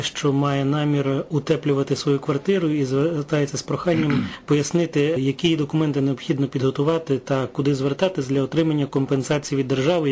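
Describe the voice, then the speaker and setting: A man's voice: mid-range voice, darkish tone, slight background noise. A male presenter reading out questions sent in by listeners.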